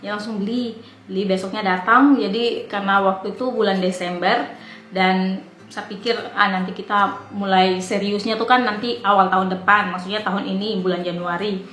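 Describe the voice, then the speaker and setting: A woman's voice: medium pitch, steady tone, moderate pace, fairly bright tone, reverberant, a little hiss or hum. A woman in her late twenties from Indonesia, chatting casually and rambling in a home vlog, often laughing. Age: 20s. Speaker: vlogger. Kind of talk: casual chat. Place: home in the Netherlands.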